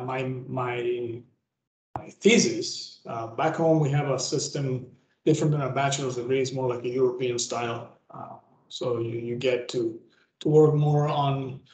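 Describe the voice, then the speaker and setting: A man's voice: medium pitch, darkish tone. Man lecturing in an echoey room. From Venezuela. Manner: rambling, with frequent self-restarts and tag "okay?". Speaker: guest lecturer. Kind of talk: conversational lecture. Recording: roomy echo.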